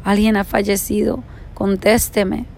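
A woman's voice: mid-range voice, level tone, unhurried, vocal fry, a little mellow, a little hiss or hum. A woman voicing a desperate grieving mother. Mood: pleading. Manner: pleading and frantic. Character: desperate grieving mother pleading for her son.

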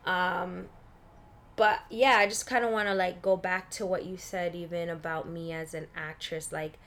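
Speaking at normal speed with a low-ish, steady voice and a fairly bright tone, this interview guest is an actress who also buys for the film industry. She explains things informally, full of "like" and "you know," and performs snippets of dialogue.

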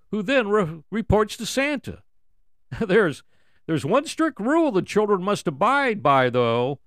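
A man's voice: a little high, fairly bright tone, no room sound, studio quality. An older man, delivering a scripted monologue as a radio show host.

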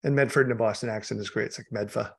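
Male author guest, rough gravelly voice, relaxed chatty commentary with frequent laughs. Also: mid-range voice, rapid-fire. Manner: chatty, laughs often, loose restarts. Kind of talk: casual commentary chat.

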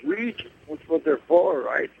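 Calling a live show from a moving bus, this man chats casually over a cell line that sounds tinny and keeps cutting out. His voice sits on the high side with big pitch swings, a slightly slow pace, and vocal fry, and he keeps calling people dude amid background noise.

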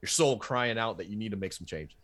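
A man's voice: lowish voice, lively intonation, fairly quick, a bit bright. A man in his thirties, a podcast guest, chatting casually with rambling, self-mocking jokes and lots of restarts. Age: 30s.

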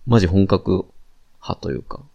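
A man's voice: sits low, moderate pace, gravelly, dark tone, lo-fi sound. A young man with a Kansai accent, co-hosting a casual podcast chat and rambling with fillers. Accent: Kansai Japanese. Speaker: podcast co-host.

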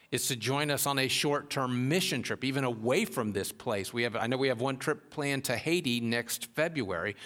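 A man preaching a sermon as pastor, pressing rhetorical questions with growing force and dropping to a hushed tone to tell stories. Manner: rises to emphatic questions, drops low and soft for told stories.

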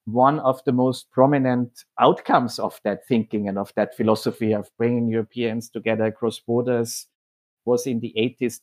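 A man from Austria, head of programs at a foundation, speaking in a measured, explanatory way with occasional hesitations. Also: medium pitch, darkish tone. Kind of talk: podcast interview monologue.

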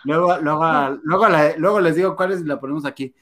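A man with a Mexican accent hosting a casual gossip chat, animated and mocking. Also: fast. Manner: animated, mocking, slips into shrill impressions. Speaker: host.

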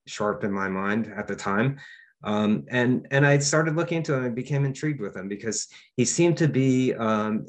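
Guest author, male, lowish voice, hesitant delivery with frequent ums and restarts; thoughtful interview answers. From upstate New York. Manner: hesitant, many fillers and restarts.

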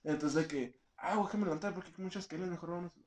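A man's voice: sits high, racing, darkish tone. A young man with a Mexican accent from the countryside, co-hosting a casual chat, rambling with lots of slang and fillers. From rural Mexico. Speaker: podcast co-host.

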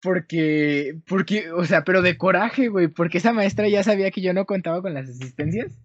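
A high-pitched young man with a Mexican accent talks fairly quickly in a dry, dull lo-fi recording. Casually chatting with friends, he tells a meandering story and keeps correcting himself.

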